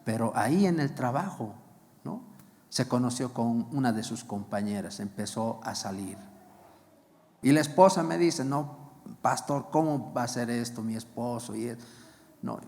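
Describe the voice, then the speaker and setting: A man's voice: medium pitch, a little mellow. A man preaching a sermon as pastor, asking rhetorical questions and repeating key phrases. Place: church hall. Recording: long reverb of a church hall.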